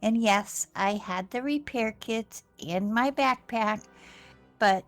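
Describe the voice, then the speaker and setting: Woman acting friendly game gatherer, unhurried, folksy, halting, down-to-earth. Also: fairly high pitch, soft background music. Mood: friendly, rambling. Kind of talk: improvised in-character role-play chat.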